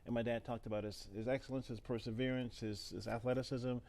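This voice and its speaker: A man in his fifties chats as a broadcast commentator, with a medium-pitched voice. He tells stories in a loose, conversational way and acts out what people said. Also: little pitch movement, fast talker, creaky, a little mellow. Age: 50s. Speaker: former astronaut, broadcast commentator. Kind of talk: conversational storytelling.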